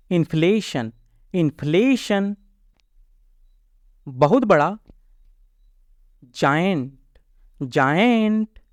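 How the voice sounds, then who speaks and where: Man, English vocabulary teacher, high smooth voice, very slow deliberate drill, dry close sound. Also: no room sound. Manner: deliberate, measured, repeats each English word slowly. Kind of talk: slow word-list drill, each word said twice.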